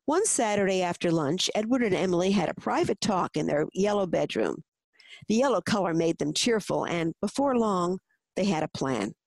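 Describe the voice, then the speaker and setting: A woman narrating a children's story in an expressive storytelling manner. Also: lowish voice, moderate pace, vocal fry, no echo.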